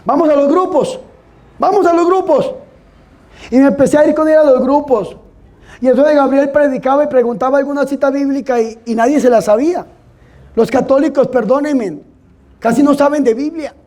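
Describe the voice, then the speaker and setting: High-voiced Colombian priest giving testimony. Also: male voice, steady tone, a little fast, mellow. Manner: emphatic storytelling, repeatedly urging listeners to pay attention. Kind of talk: testimony talk to a live audience. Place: event hall with an audience.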